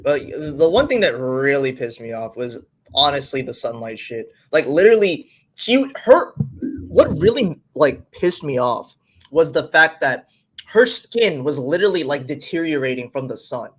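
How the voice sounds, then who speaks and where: A man's voice: mid-range voice, normal speed. A man guesting on a casual podcast, telling stories with energy, acting out quotes, swearing and laughing. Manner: animated storyteller, acts out quotes, swears, laughs. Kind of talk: casual chat.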